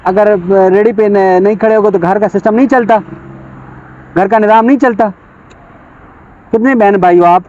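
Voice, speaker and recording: High-voiced, gentle man coaxing. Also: steady tone, normal speed, pauses often, dull audio. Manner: gentle, coaxing, repeats his questions. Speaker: passerby filming. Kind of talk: casual street talk.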